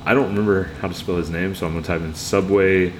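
A man's voice: sits low, fast talker, slight background noise, poor audio. A man co-hosting a podcast, trading jokes in casual chat and swearing freely. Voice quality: lively, joking, swears freely. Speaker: podcast co-host.

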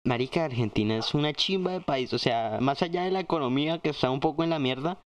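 A young man, co-hosting a casual chat, slangy and excitable, jumping up in pitch when he jokes. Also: fast, slight background noise. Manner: slangy, excitable, swings his pitch high when joking. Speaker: podcast co-host.

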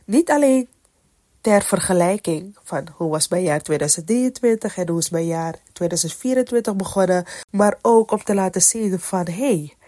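A woman with a slightly low voice, thickened by a head cold and a stuffy nose. She hosts a podcast on her own, speaking conversationally and reflectively, as if telling a personal story. The sound is dry and close, with very little room around it. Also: expressive, moderate pace, dark tone, dry recording. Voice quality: stuffy nose, congested nasal voice. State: has a cold. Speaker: podcast host. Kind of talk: casual solo podcast talk with personal faith reflection.

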